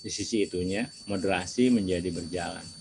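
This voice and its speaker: A man's voice: low voice, brisk, background noise. A man giving a lecture to students, asking rhetorical questions and answering them himself. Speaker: seminar speaker.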